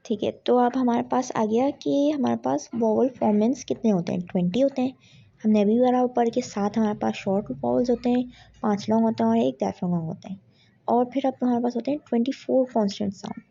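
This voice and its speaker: Husky woman tutoring for exams. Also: on the high side, steady tone, fairly quick, dark tone. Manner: explains step by step, mixing in English terms. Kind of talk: exam revision lecture. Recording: dull lo-fi audio.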